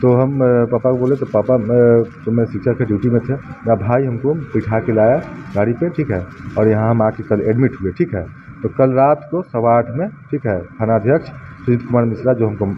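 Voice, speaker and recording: A man from Bihar recounting events to a local news camera in halting with many fillers. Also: mid-range voice, narrow, tinny audio, background noise. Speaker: accountant giving testimony. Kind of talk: interview testimony.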